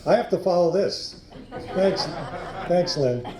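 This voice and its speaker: A man with a fairly high voice introduces an honoree at an awards luncheon, friendly and lightly joking. He speaks into a microphone in a big echoing hall. Background noise is clearly audible behind him. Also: lively intonation, slow pace. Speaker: award presenter. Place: large banquet hall.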